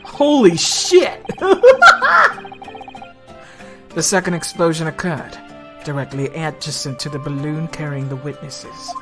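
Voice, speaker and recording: A woman's voice: low-pitched, fairly even intonation, moderate pace, few pauses. A woman streaming a game, reading its text and making joking asides. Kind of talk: let's play commentary and reading. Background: game music.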